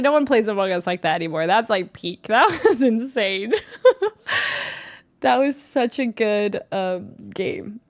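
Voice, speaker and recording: In relaxed conversation as a guest on someone's stream, a young woman spins lively tales, sometimes loud and thrilled, sometimes barely muttering. She laughs frequently while speaking.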